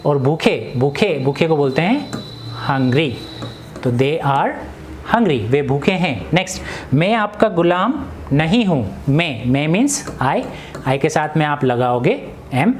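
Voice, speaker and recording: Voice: mid-range voice, lively intonation, slow pace, a little hiss or hum. An English teacher explaining grammar in Hindi, asking questions and answering them himself, with repetition drills.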